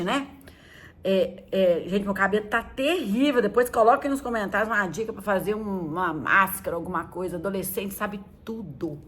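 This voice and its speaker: A middle-aged woman pastor talking casually and playfully to teenagers, often acting out little scenes. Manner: chatty and playful, acting out quotes in high squeaky voices.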